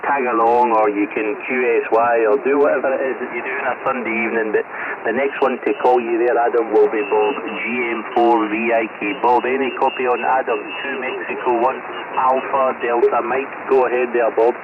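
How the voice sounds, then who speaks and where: A man's voice: mid-range voice, fairly even intonation, brisk. A man acting as a radio net controller over crackly two-way radio, using procedural call-sign talk. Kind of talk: ham radio procedure with phonetic call signs. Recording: crackly, narrow-band shortwave radio with static.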